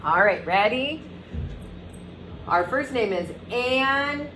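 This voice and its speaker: A woman teaching young children in a virtual circle time lesson, speaking in a slow, clearly enunciated, encouraging sing-song way. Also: a little high, animated, sharp tone, a little hiss or hum. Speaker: preschool teacher.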